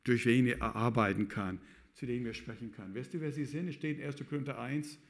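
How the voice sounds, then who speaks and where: A man's voice: mid-range voice, fast talker. Middle-aged guy preaching, keeps asking the crowd stuff, grammar all loose and broken. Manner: lively, addresses the congregation with questions. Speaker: pastor. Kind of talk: sermon to a congregation.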